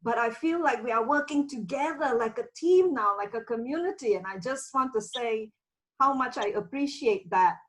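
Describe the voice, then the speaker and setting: A woman's voice: on the high side, expressive, moderate pace, poor audio. A woman from Malaysia speaking on a video call, chatty and hesitant with many fillers, laughing now and then. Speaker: community member. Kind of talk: casual group video call greeting.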